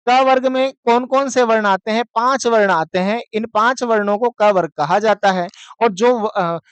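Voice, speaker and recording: A man's voice: high-pitched, smooth, no room sound. A man teaching a Sanskrit class, asking his students questions and answering them himself, and drilling sounds one syllable at a time. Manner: mixes Hindi explanation with read-aloud Sanskrit. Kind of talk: online class lesson explaining to students.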